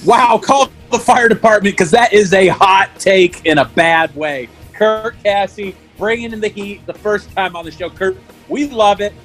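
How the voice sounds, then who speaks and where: A man's voice: high voice, a little slow, a bit bright, soft background music. Hyped young co-host, man. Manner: hyped, playful banter. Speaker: podcast co-host. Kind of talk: casual sports podcast chat.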